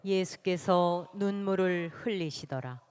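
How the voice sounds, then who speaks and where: A woman reading a scripture passage aloud in church, measured and solemn. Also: on the low side, darkish tone, smooth. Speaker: scripture reader. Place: church sanctuary. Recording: long church reverb.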